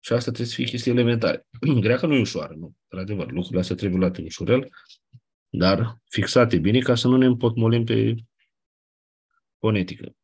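A man's voice: lowish voice, darkish tone, breathy edge. A man teaching Ancient Greek grammar in a lecture, explaining step by step and often checking with his students whether they follow. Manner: explanatory, asks 'nu?' and 'da?' to check understanding.

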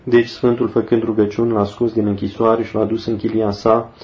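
A man giving a solemn, measured devotional reading of a saint's life, slowing down for the prayers. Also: on the low side, little pitch movement. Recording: dull lo-fi recording.

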